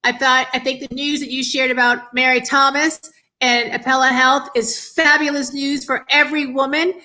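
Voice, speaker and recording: A children's cancer charity director in her fifties from the northeastern United States answers interview questions earnestly and appreciatively over an online call from indoors. Her high, bright voice is forceful yet flat, at a moderate pace.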